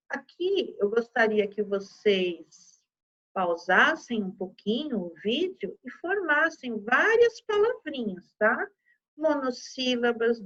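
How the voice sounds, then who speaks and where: A Brazilian woman teaching a young class, sounding out words slowly syllable by syllable and checking in often with her pupils. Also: high-pitched. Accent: Brazilian Portuguese. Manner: slow, exaggerated syllable-by-syllable pronunciation with frequent "tá?". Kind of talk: primary school lesson video. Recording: slightly dull lo-fi recording.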